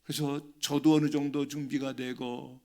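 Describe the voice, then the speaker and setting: An older man preaching a sermon as a pastor, telling a family story with emphatic swings in pitch and loudness and acting out the dialogue. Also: little pitch movement, moderate pace. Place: church sanctuary.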